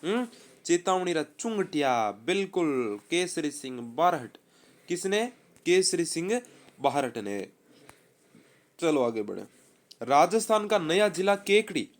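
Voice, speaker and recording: A man with a fairly high voice runs a live online exam-prep quiz class. He reads out the options and repeats the answers in a brisk, quizzing manner.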